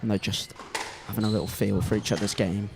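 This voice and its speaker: A man's voice: fairly low pitch, fairly even intonation, fast talker, vocal fry, background noise. A young man giving chatty live commentary on a student squash match, often restarting his sentences. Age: young adult.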